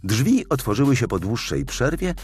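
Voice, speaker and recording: A man reading a first-person crime story aloud in a measured, matter-of-fact way. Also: mid-range voice, very animated, darkish tone, soft background music. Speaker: audiobook narrator.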